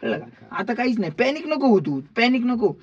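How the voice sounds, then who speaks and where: High-voiced man barking driving commands. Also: big pitch swings, fairly quick, husky, no echo. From Maharashtra. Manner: bossy, repeats short commands. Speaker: driving instructor. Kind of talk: casual in-car coaching. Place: inside a car on the road. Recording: muffled, with loud road noise.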